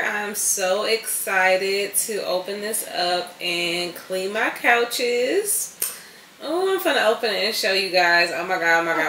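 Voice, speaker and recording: A young adult woman, chatting excitedly and casually to her vlog viewers in slang. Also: medium pitch, a little hiss or hum, low-quality recording. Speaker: vlogger and mom.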